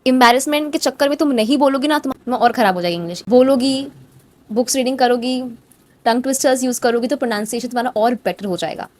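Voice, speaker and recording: A woman's voice: on the high side, fast talker. A young woman with a direct, encouraging manner, giving casual tips as a cabin crew interview coach. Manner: direct, encouraging, addresses viewer informally. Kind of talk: casual instructional talk.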